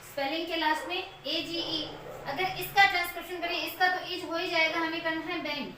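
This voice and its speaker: A woman's voice: extremely high pitch, fairly even intonation, a little fast, recorded from a distance, background noise. A woman teaching English phonetic transcription in Hindi, explaining step by step and spelling words out letter by letter. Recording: echoey room, voice from off mic, faint ambience.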